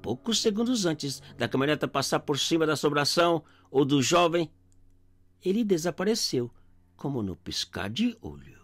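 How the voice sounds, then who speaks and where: A man's voice: fairly high pitch, sing-song, normal speed. A man narrating a first-person horror story in a dramatic, suspenseful way. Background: faint eerie background music.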